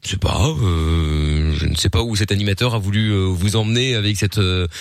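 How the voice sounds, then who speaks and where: A man's voice: low voice, brisk, no echo. A man hosting a late-night call-in radio show, laid-back and full of hesitant fillers. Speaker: radio host.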